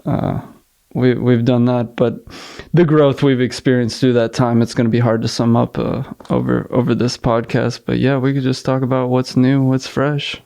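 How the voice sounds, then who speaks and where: Gravelly, flat-voiced man in his thirties. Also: mid-range voice, moderate pace. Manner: earnest, steady, upbeat. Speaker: guest. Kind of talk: casual chat.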